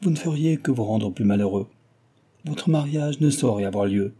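A man's voice: medium pitch, lively intonation, moderate pace, dark tone, husky. A man reading aloud and voicing a stern, dignified older noblewoman who argues earnestly and persuasively.

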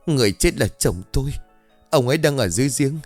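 A man's voice: mid-range voice, expressive, fast, soft background music, pitched above the performer's own voice, close to an everyday voice. A man voicing a distraught village wife who laments her fate in a spoken ghost story.

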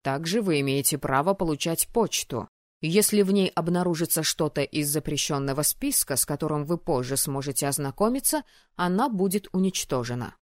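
A woman's voice: low voice, expressive, a little fast, no echo, clean studio sound. A woman reading an audiobook who voices a stern, cold male dean of a magic academy, speaking in a clipped, commanding, formal way. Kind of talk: audiobook character voice.

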